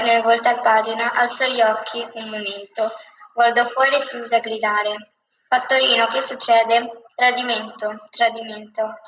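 Bright-voiced woman reading a story aloud. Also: a little high, slight background noise. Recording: echoey, distant, dull.

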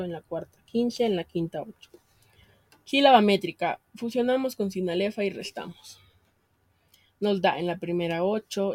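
Methodical reader for a verse-analysis lesson, even list-like delivery, dry recording. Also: medium pitch, no room sound. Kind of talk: reading a metric analysis of verse aloud.

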